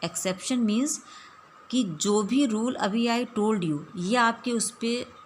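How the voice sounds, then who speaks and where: Slow-paced woman teaching grammar. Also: on the high side, slight background noise. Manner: explains patiently, mixing Hindi and English, slow drilled examples. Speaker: English teacher. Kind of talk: classroom grammar lesson.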